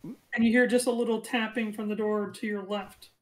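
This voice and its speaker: A woman's voice: medium pitch, fairly even intonation, moderate pace, heavy background noise. A woman game master narrating a fantasy tabletop game in an informal, casual way.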